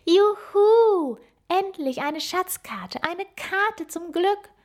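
A woman voicing an excitable little gorilla girl in a storybook reading, with an eager, high, bright way of talking. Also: measured pace, slightly rough, heavily acted.

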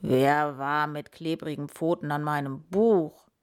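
A woman voicing a big, gruff but kind male bear in a read-aloud storybook, grumbling his lines. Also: low-pitched, fairly even intonation, unhurried, voice pushed down. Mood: grumbly.

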